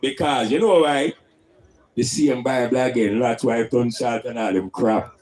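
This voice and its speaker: A man's voice: medium pitch, unhurried, a little mellow. A man with a Jamaican accent speaking in Rastafarian style, preaching and teaching emphatically with rhetorical questions and Rastafari idioms.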